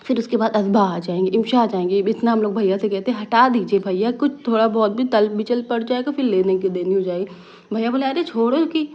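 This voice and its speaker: A woman's voice: mid-range voice, fairly quick, dull audio. A young adult woman narrating her family vlog in a casual voice-over, telling stories and acting out what relatives said. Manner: lively storytelling, acting out family members' lines. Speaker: vlogger narrating family footage.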